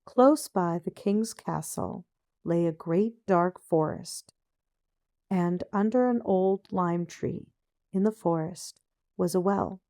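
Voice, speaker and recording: Gentle, unhurried woman reading a fairy tale. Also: fairly low pitch, no echo, studio quality. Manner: unhurried, measured phrasing. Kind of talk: gentle scripted fairy-tale narration, storybook opening manner.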